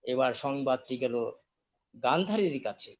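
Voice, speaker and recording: A man telling a devotional story in an animated way, acting out the dialogue. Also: medium pitch, measured pace, muffled recording.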